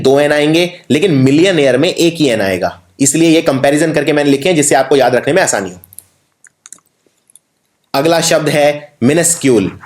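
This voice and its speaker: A man with an Indian accent teaching English spelling for an exam, explaining each word slowly and spelling it letter by letter. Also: fairly high pitch, darkish tone. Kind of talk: exam-prep spelling lesson. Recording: roomy echo.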